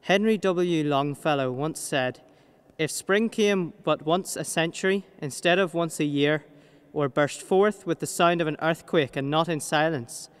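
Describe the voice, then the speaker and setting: A teenage Northern Irish man, earnest and measured, reading a prepared reflection at a lectern in a large cathedral. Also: a little high, clean tone. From Northern Ireland. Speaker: youth reader. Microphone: lectern mic. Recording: long cathedral reverb.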